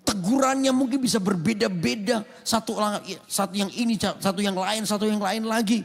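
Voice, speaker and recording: A male pastor with an Indonesian accent delivers a sermon, urging the congregation to answer amen. His voice sits high and has a husky, gravelly edge. It rings out through a large hall with a long echo. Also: normal speed. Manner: emphatic, calls for amen responses. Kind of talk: sermon with acted anecdotes. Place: large rooftop church hall.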